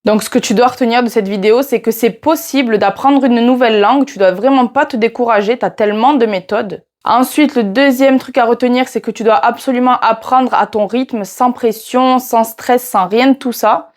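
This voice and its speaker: Talking about teaching Portuguese in a casual vlog, a southern-accented French woman in her twenties keeps a moderate pace with few pauses in a slightly high voice. She's chatty and often speaks straight to the viewer, saying "tu vois."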